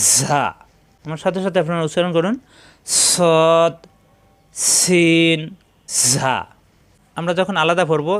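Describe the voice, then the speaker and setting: A man teaching Quran pronunciation, explaining each point and repeating letter sounds slowly for learners to copy. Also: on the high side. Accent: Bangladeshi Bengali. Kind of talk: step-by-step pronunciation lesson.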